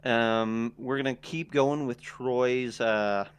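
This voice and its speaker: A man hosting a casual tabletop gaming podcast, often pausing with ums and restarting his sentences. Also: medium pitch, steady tone, smooth. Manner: hesitant, lots of ums and restarts. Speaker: podcast host.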